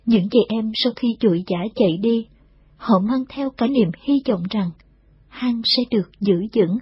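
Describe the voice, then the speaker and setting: A woman narrating a novel as an audiobook reading in a steady storytelling way. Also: a little high, unhurried, slightly rough, no room sound. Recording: dull, dry recording.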